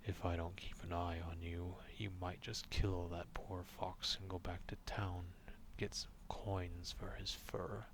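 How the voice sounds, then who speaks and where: In an ASMR roleplay, a man acts a very deep, gravelly beast who guards the forest, distrustful and menacing. He grumbles slowly in a flat, gruff, defensive way, talking down to humans with haughty disdain. Faint background noise sits behind him.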